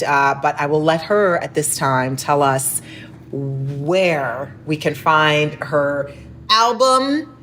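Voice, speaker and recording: A woman's voice: deep voice, a bit bright. A woman hosting a podcast interview, effusive and calling her listeners "folks". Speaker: podcast host.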